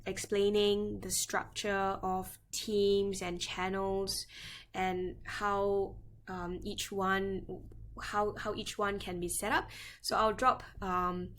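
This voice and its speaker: A woman presenting a software tutorial, her voice a little off as it recovers, explaining steps and often checking in with "right?". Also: mid-range voice. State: voice recovering from loss, slightly off. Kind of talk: screen-share software tutorial.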